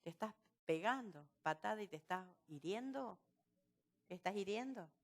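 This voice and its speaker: A woman's voice: medium pitch, animated, normal speed. A woman voicing the Lord as a grave male divine voice, speaking with an earnest rebuke in a sermon.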